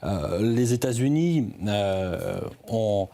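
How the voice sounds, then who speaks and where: Giving live news analysis as a correspondent, a man speaks in a lowish, warm, animated voice. He's hesitant throughout, stumbling into repeated word starts and frequently beginning words over.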